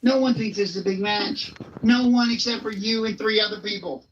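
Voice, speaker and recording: A man's voice: sits high, brisk, a little hiss or hum. A man hosting a wrestling reaction show, lecturing with scorn and swearing as he rants. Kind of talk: ranting commentary. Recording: dull lo-fi sound.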